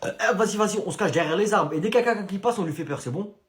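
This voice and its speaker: A young man with doing comedy sketches, joking and bantering in a lively way. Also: high-pitched, racing.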